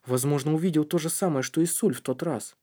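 A man's voice: a little high, fast, mellow. Man narrating a tense audiobook. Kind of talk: scripted narration.

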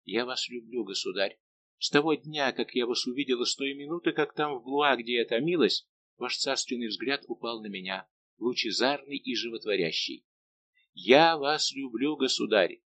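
A man's voice: medium pitch, moderate pace, a bit bright, natural voice. A man reading as a desperate young woman in love. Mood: impassioned. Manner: impassioned, pleading.

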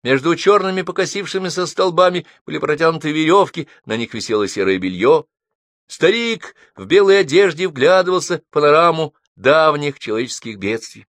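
A man's voice: sits high, unhurried, dry recording, clean studio sound, voice pushed up. A male reader voicing an earnest woman reading her own prose with emotion.

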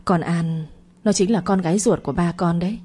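A woman's voice: lowish voice, steady tone, a little fast, breathy edge. A woman voicing a scheming, cruel middle-aged mother with a conniving way of talking. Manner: coaxing then sharp, conniving.

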